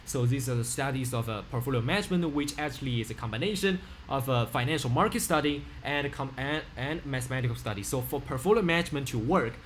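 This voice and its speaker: Speaking fast with few pauses, a Chinese teenage boy gives a sincere self-introduction on a webcam call from a small room. A student whose first language is Mandarin, he has a Chinese accent, a mid-range voice, and many fillers and restarts, with slight background noise.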